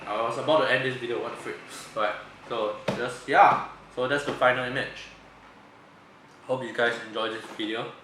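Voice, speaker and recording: A man's voice: mid-range voice, steady tone, a little fast. Sick-voiced man in an echoey room. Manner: chatty, rambling, loose grammar. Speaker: photo editing vlogger. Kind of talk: casual tutorial vlog. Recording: echoey room with background noise.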